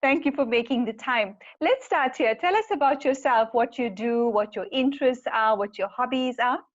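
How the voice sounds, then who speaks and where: Lady hosting an interview, high voice, slow and careful, slightly muffled sound. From South Africa. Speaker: host.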